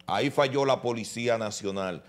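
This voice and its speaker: A man speaking on a live TV panel discussion at a middling pitch. He is measured and backs his points with facts and figures. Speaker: TV talk show panelist.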